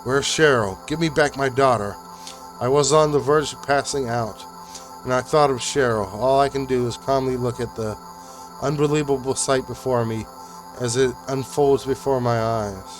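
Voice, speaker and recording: A young man reading a visual novel game aloud with halting, uneven delivery and restarts. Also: mid-range voice, fairly even intonation, faint music behind.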